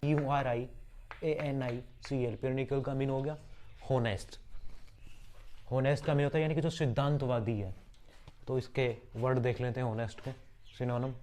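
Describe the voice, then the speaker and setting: A man's voice: mid-range voice, steady tone, normal speed, pauses often, dark tone, a little hiss or hum. A man teaching English vocabulary for an exam, spelling each word letter by letter and explaining roots and meanings, often repeating words and asking himself rhetorical questions. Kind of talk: exam-prep vocabulary lesson.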